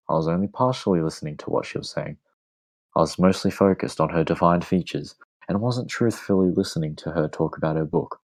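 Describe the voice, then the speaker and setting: A man reading a romantic story aloud as a podcast host, in a calm, measured way. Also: deep voice, rough recording.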